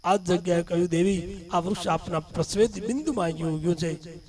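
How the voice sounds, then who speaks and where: High-voiced man preaching a katha. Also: normal speed, a crowd in the background. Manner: rises and falls dramatically, calling the audience dear ones. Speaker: religious storyteller. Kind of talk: devotional katha sermon.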